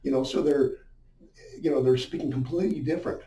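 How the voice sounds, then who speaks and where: A middle-aged sales coach gives an informal, conversational lesson at a whiteboard, explaining things with frequent asides. His mid-range voice is warm and brisk. The small indoor room makes the recording sound roomy, muffled, and distant with echo.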